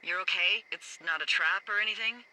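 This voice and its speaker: An actress playing a playful, quick-witted fire lookout supervisor who talks over the radio in a video game. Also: female voice, mid-range voice, poor audio. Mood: worried. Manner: teasing, animated. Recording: game audio over loud forest noise.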